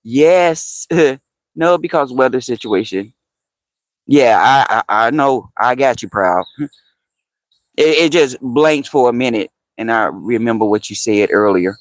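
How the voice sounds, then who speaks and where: A man's voice: medium pitch, unhurried, no room sound. A man hosting a casual livestream, chatting with viewers, answering their comments, repeating phrases and laughing often. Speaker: livestream host.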